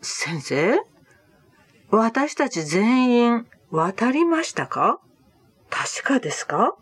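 An eager young disciple with a raised, lively voice, as a woman narrator puts him on. He sounds anxious and quick to fret, and the reading is close and dry. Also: a little high, husky, dry recording, voice pushed up, heavily acted.

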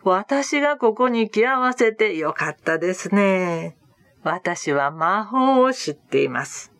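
A woman voicing a smooth-talking male stranger in a storybook reading, polite and persuasive. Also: mid-range voice, lively intonation, slow, fairly bright tone, dry recording, clean studio sound.

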